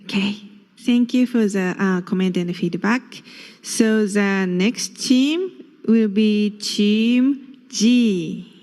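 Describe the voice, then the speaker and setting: A woman moderating an event, making calm, deliberate announcements. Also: medium pitch, in a large hall.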